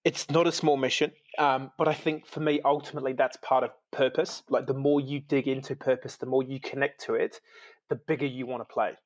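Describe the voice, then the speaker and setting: Originally from the United Kingdom and now living in New Zealand, this man is a podcast guest in casual conversation, enthusiastic and often laughing. He speaks fairly quickly in a medium-pitched, level tone.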